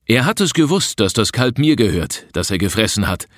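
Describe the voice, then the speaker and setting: A man voicing a young Sami bear hunter who speaks calmly and matter-of-factly, his voice lifted well above the narrator's own. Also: lowish voice, brisk, dry recording, studio quality, pitched above the performer's own voice. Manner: matter-of-fact, calling out across a clearing.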